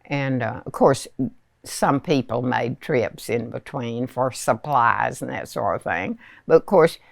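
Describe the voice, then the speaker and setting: A very old woman in her nineties with a Southern US accent, reminiscing in a hesitant, unhurried storytelling way with many pauses. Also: extremely low pitch, vocal fry, no echo, clean studio sound. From rural Arkansas, United States. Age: 90s, very old. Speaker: elderly interviewee recalling childhood. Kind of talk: reminiscing oral history.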